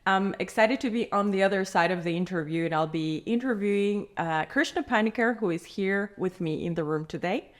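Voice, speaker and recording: A woman's voice: medium pitch, a little fast, few pauses. A woman hosting a podcast interview in person, framing her questions thoughtfully with many hesitations. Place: indoor room, in person with guest.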